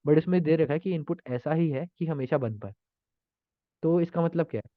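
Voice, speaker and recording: A man with a fairly high voice, speaking at normal speed, walks through programming contest solutions live as a tutor. His thinking-aloud style is full of fillers and restarts, and the recording is dry and narrow like a phone, with no room sound.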